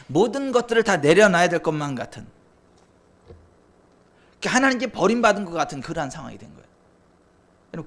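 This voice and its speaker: A male pastor preaching a sermon, swinging between loud, fervent cries and quiet, low asides. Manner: impassioned, swings from loud cries to near whispers. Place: church sanctuary.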